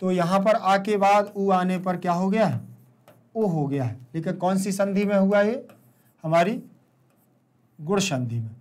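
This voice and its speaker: A man's voice: high-pitched, a little slow, pauses often, a little mellow. A man teaching a recorded online lesson with a Hindi accent, explaining step by step, repeating terms and answering his own questions. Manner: checks in with "ठीक" often.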